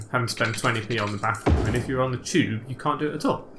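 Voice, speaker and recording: A man's voice: mid-range voice, fast, a bit bright, soft background music. A young British man joking around while playing a city-building game with a friend. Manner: joking, playful, banters. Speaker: let's play co-host. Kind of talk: casual gameplay commentary. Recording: noisy home recording.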